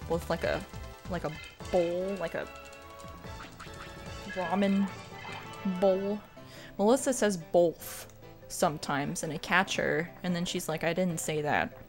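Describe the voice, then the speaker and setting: A woman's voice: on the low side, unhurried, long pauses, faint music behind. A woman streaming a game and chatting with viewers in a rambling, self-deprecating way. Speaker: streamer and speedrunner. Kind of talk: casual livestream chat while gaming.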